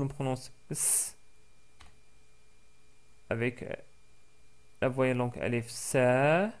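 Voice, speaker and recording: Man, language teacher, slow careful delivery, repeats each word, hesitant fillers, mid pitch. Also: a little mellow. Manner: frequent hesitations with "euh". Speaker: Arabic teacher. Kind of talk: language lesson for French speakers.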